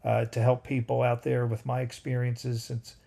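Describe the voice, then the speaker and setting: Gravelly rambling man in his fifties. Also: medium pitch, completely flat delivery, moderate pace, dark tone. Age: 50s. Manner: rambling, breaks off to greet chat viewers. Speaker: livestream host. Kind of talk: casual livestream storytelling. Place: home.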